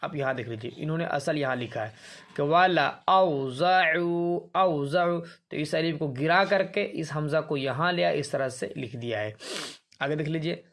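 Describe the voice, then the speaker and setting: Man teaching a reading lesson, slightly high. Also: creaky. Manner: explanatory, repeats words slowly to demonstrate, asks and answers himself. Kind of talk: explaining a lesson on a primer chart.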